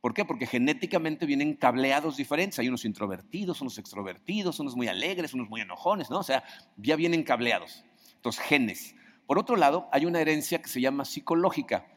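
A man delivers a sermon in a relaxed, conversational way, often asking his listeners questions. His voice sits in a middle range. A long hall reverb trails behind every phrase. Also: mid-range voice, a little fast. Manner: conversational, asks the audience questions, acts out quoted voices. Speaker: preacher.

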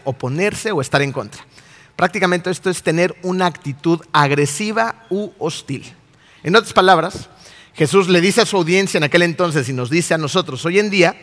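A man preaching a sermon, animated and asking his audience rhetorical questions. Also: high-pitched, in a large hall.

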